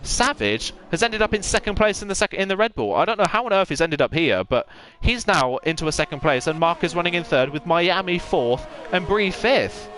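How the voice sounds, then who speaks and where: A man's voice: high-pitched, lively intonation, brisk, a bit bright. A man giving fluent, detailed live play-by-play commentary as an esports sim racing commentator.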